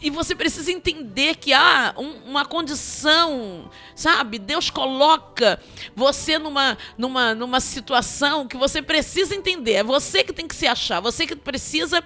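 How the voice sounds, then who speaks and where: A woman's voice: high-pitched, animated, normal speed, sharp tone, faint music behind. A woman with a Brazilian Portuguese accent, a missionary preacher giving an impassioned sermon testimony, repeating phrases and breaking into tongues.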